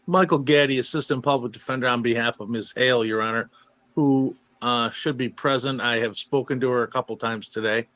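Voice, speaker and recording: Man, defense lawyer, mid pitch, halting deferential courtroom address, very dry sound. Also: fairly even intonation, fairly bright tone, no room sound. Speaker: public defender.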